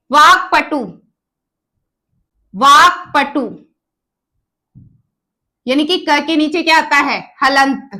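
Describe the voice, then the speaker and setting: A woman's voice: high voice, sharp tone. A woman teacher giving an exam-prep grammar lesson, repeating each word and quizzing her students on the right form.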